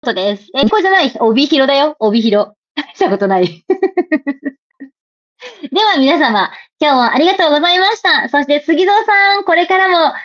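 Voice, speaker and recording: Woman streamer, high voice that bounces all over, chatty and playful, kinda muffled audio. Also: expressive, moderate pace, fairly bright tone. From Japan. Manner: chatty and playful, laughs often, reads comments aloud. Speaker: livestream host. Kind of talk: casual chat reading viewer comments.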